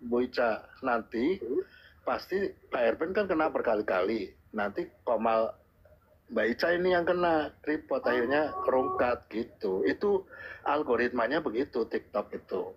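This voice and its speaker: Husky guy on a dull lo-fi call, earnest and repeating his advice. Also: medium pitch, lively intonation, normal speed. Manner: earnest, repetitive, advising. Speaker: caller in a live stream. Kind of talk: casual advice. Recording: husky muffled lo-fi call audio.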